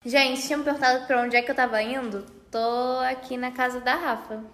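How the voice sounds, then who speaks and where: A woman's voice: high voice, flat delivery, a little fast, a bit bright. A young woman vlogger talking casually to her followers in a gushing, chatty way. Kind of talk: casual phone stories.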